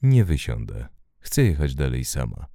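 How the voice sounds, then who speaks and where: A man's voice: a bass voice, huge pitch swings, normal speed, gravelly, dry recording, studio quality, full character voice. A man reading a frightened, pleading woman. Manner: quiet, pleading. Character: frightened young woman defending her husband.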